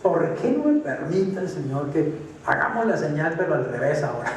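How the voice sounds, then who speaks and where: A man's voice: fairly high pitch, big pitch swings, normal speed, crowd noise. A man with a Colombian accent voicing a hesitant, doubting biblical man who stalls and pleads for signs. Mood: stalling. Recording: echoey hall, distant mic.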